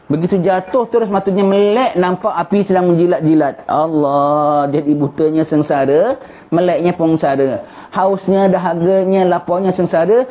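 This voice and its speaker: A man's voice: sits high, dark tone. A man teaching a live religious lecture, repeating phrases and prompting his listeners with "ya" and "ha?". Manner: repeats phrases, tag "ya" and "ha?" to the audience. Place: gathering with children present. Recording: muffled lecture recording with faint hiss.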